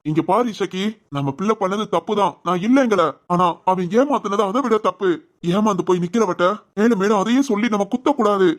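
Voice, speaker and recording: A man voicing a firm but loving village father in an animated family drama, with a Tirunelveli Tamil accent and a reassuring manner. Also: high-pitched, brisk, lightly acted. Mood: stern. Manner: steady, reassuring.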